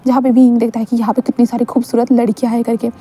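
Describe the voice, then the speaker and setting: A woman narrates a fan-fiction story in a chatty way and turns to speak directly to her listeners. Her voice is slightly high and husky with a dark, mellow tone, and she talks fast. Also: level tone.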